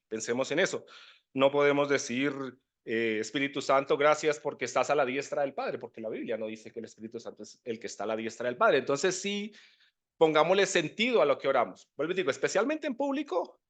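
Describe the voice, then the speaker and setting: A man giving a conversational Bible teaching, often checking in with listeners. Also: medium pitch. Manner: conversational, often asks "¿cierto?". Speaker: preacher.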